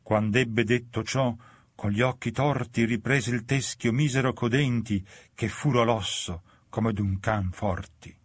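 A man giving a measured, solemn recitation of epic verse. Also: husky, dry recording. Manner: measured and solemn, dropping low on grave lines. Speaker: reader.

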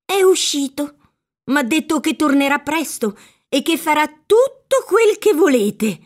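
A woman's voice: high-pitched, expressive, a little slow, pitched above the performer's own voice. A woman voicing a fussy old female servant who pleads in an irritable, whining way. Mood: anxious.

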